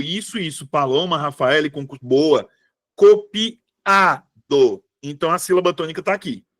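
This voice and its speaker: Man, teacher, live online class, chatty, keeps asking if students follow, slightly high voice. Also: fairly bright tone. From Brazil. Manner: chatty, asks students constant checking questions. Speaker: Portuguese teacher for civil service exam prep.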